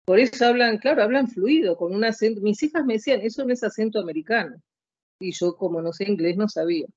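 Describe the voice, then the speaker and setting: A woman's voice: medium pitch, expressive, quick pace, a little mellow, no echo, dull audio. A woman in her late fifties telling her own story as an interview guest, rambling and heartfelt. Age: 50s. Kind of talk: emotional personal account.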